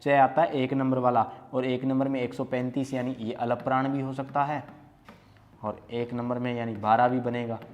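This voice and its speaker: A young man teaching a grammar class in a level, mid-pitched voice. He asks a question, repeats it, then answers it himself, going back over the key terms as he works through a quiz. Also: level tone, moderate pace, darkish tone, highs cut off. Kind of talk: Hindi grammar lesson, solving quiz questions.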